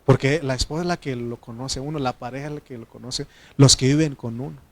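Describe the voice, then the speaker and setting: A man's voice: medium pitch, fast talker. A man in his thirties with a Mexican accent, preaching a conversational sermon and often adding "amén". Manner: conversational, repeats phrases, frequent "amén".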